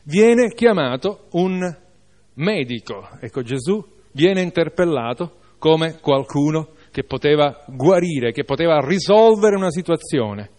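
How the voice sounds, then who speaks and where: A man's voice: on the high side, lively intonation, a little slow, a little mellow. A man preaching a sermon, reading a Bible passage aloud and then exhorting his listeners with informal asides.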